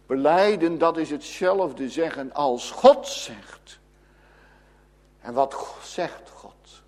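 A man preaching a sermon in a fervent way, moving between loud pleading and hushed, low passages. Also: expressive, drawn-out words. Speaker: pastor.

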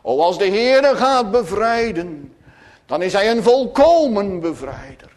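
A man's voice: sits high, sing-song, unhurried, darkish tone, big-room sound. A man preaching a sermon to his congregation, solemn, with dramatic rises and falls. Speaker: pastor.

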